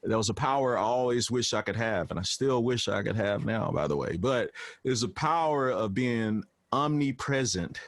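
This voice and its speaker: A man from Memphis, a radio interview guest talking loud and stretching his words out like an on-air announcer. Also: medium pitch, normal speed, no echo, clean studio sound. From Memphis, Tennessee. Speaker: interview guest, recording artist.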